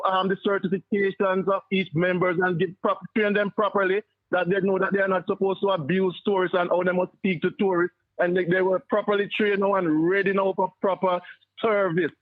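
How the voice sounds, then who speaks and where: A Jamaican man calling in to a radio show, speaking slowly with many restarts. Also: high-pitched, little pitch movement. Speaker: caller. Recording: tinny phone line.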